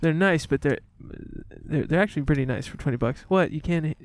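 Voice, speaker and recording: A man's voice: fairly high pitch, a little fast, no echo. A man hosting a podcast in casual chat, joking and rambling with frequent restarts. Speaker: podcast host.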